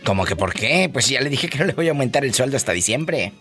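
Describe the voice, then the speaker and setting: A man's voice: mid-range voice, sing-song, fast talker, a bit bright, soft background music. A man hosting a call-in radio show, playful and campy, joking with callers and repeating catchphrases. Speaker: radio host.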